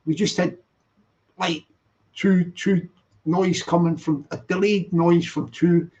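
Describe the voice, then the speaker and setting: A man with a high, slightly mellow voice and fairly even intonation talks slowly and casually on a live stream. He rambles and repeats himself, reading viewers' comments aloud and answering them, over dull lo-fi stream audio.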